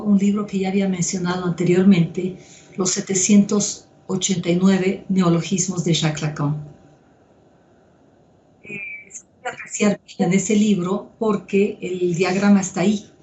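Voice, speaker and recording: A woman psychoanalyst giving a measured, step-by-step lecture with occasional fillers. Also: mid-range voice, steady tone, mellow, lo-fi sound, a little hiss or hum. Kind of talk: slow didactic lecture. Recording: echoey room.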